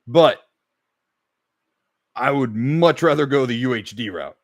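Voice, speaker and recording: A man's voice: mid-range voice, animated, measured pace, no echo. A man co-hosting a gaming podcast, chatting casually, rambling and reading out chat comments with the odd swear word. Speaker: podcast co-host.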